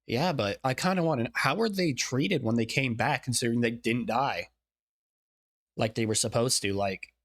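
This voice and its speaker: Man, mid-pitched voice, casual stream reactions, blunt swearing, thinks out loud. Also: moderate pace. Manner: musing, thinking aloud.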